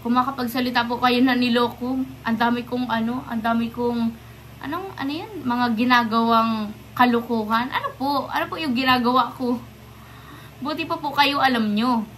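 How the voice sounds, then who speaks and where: A woman's voice: fairly high pitch, normal speed, fairly bright tone, slight background noise. A young woman from the Philippines, vlogging straight to camera, firing off indignant rhetorical questions while staying polite and defiant. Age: young adult. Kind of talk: direct-to-camera rant.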